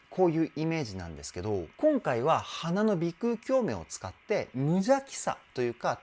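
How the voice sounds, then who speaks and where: A man working as a vocal trainer, reacting to a music video and explaining singing technique patiently, breaking into excited exclamations between explanations. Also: on the high side.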